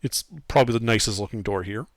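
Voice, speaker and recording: A man's voice: fairly low pitch, quick pace, no echo. A man narrating a tabletop game as game master in a casual, improvised way, often searching for words.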